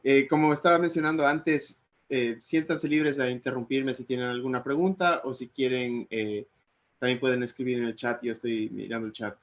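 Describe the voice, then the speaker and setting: A man's voice: mid-range voice, fairly even intonation, moderate pace, lo-fi sound. A man from Ecuador giving an online technical lecture, hesitating often with fillers and restarts.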